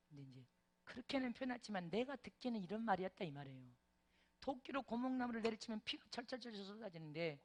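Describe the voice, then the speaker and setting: A middle-aged woman preacher telling a vivid testimony in a sermon, with many exclamations and interjections. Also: medium pitch. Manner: animated storytelling with frequent interjections.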